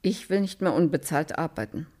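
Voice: mid-range voice, a little fast, a little mellow, natural voice. A reader voicing a blunt, insistent helper who asks short, commanding questions. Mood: terse. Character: blunt, insistent social helper named Blond.

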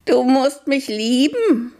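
Eerie high owl voice, a lady reading it out, slow drawn-out hoots, storybook. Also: sing-song, darkish tone, heavily acted. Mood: commanding.

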